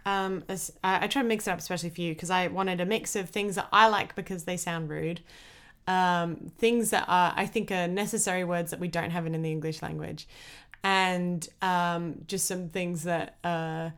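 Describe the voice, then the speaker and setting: An Australian woman, a comedian, chatting casually as a podcast guest, talkative and animated in her storytelling. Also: fairly low pitch, moderate pace, smooth. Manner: chatty, with lively acted-out quotes.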